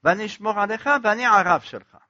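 Earnest old rabbi, pleading and emphatic, bright and raised, as a preacher puts him on; dull, dry recording. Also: male voice, high voice, no room sound, pitched above the performer's own voice. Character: earnest old male rabbi reassuring a penitent.

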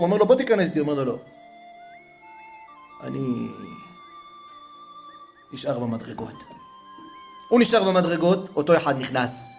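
Male preacher, slightly high voice, dramatic storyteller, soft music underneath. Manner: dramatic, swings from hushed to raised voice. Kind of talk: religious storytelling.

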